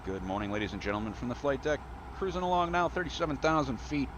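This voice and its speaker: A man giving an airline pilot announcement to passengers, halting with frequent uhs. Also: mid-range voice, dull audio, noisy background. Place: aircraft cockpit. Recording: clear cockpit and engine drone.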